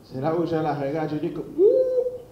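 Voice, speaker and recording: A man's voice: fairly high pitch, quick pace, highs cut off. A man, a mayor telling a funny anecdote to wedding guests and acting out the voices. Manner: animated storyteller, acting out voices. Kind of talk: humorous anecdote told to a crowd. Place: wedding hall with a crowd. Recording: echoey hall, loud crowd.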